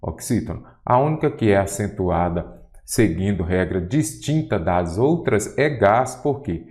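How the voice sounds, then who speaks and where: A man's voice: fairly low pitch, animated, measured pace, darkish tone. A Brazilian man teaching Portuguese in an online exam-prep lesson, posing questions and answering them himself. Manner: didactic, asks and answers his own questions.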